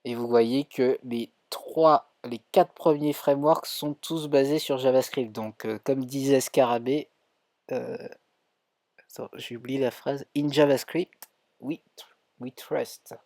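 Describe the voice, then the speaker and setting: A man's voice: medium pitch, steady tone, unhurried, a little mellow, dry recording. A man with a French accent teaching a live coding tutorial, thinking aloud with many fillers and self-corrections. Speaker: coding instructor streaming.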